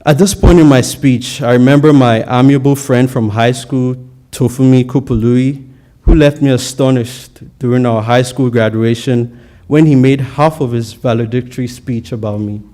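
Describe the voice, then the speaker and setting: A man's voice: medium pitch, fairly even intonation, moderate pace, warm tone. A young man giving an earnest, prepared valedictory speech at a college graduation, with occasional stumbles on words.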